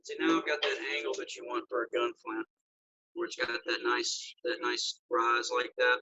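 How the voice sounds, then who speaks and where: A man's voice: medium pitch, steady tone, normal speed, pushed and bright. A man teaching flintknapping step by step, demonstrating with his hands as he explains. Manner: practical, demonstrating with hands as he talks. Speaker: flintknapping instructor. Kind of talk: live demonstration over a video call. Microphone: phone. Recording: lo-fi phone audio.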